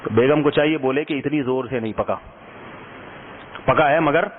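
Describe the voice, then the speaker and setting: A man's voice: medium pitch, slight background noise. A man giving a conversational sermon to a live audience, mixing jokes with advice and often checking that listeners are following. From Pakistan. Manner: humorous, asks the audience questions often. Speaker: Islamic scholar giving a sermon. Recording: tinny phone-like sound with long hall reverb.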